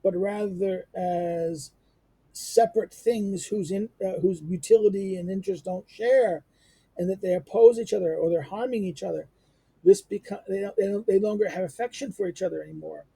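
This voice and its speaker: A middle-aged man giving an unscripted lecture on a text, halting with many fillers, restarts and rhetorical questions. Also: high voice, gravelly, mellow, breathy edge, dry recording.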